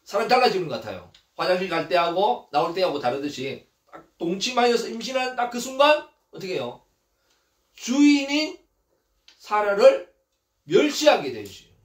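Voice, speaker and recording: A man's voice: sits high, big pitch swings, moderate pace, far from the mic. A male pastor preaching a sermon. He asks the congregation questions and acts out the people in the story. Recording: echoey hall, voice from off the mic.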